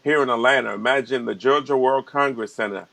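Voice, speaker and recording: A man's voice: medium pitch, brisk, gravelly, fairly bright tone. A man from New York co-hosting a casual online talk show, speaking earnestly and agreeing emphatically.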